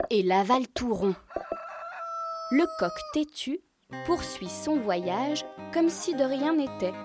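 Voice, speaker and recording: Woman, storyteller, expressive children's narration, unhurried, music underneath. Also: medium pitch. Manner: lively, expressive.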